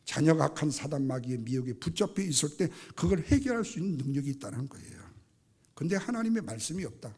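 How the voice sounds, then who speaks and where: A man's voice: fairly high pitch, lively intonation, fast talker, darkish tone, breathy edge. A man preaching a Sunday sermon in a church, dramatic and acting out quotes in different voices. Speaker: pastor. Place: church sanctuary.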